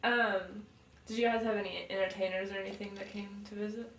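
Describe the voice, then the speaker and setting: A woman's voice: mid-range voice, fairly even intonation, brisk, fairly bright tone. Woman interviewer in an echoey room. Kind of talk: question-and-answer interview. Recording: roomy echo, faint background noise.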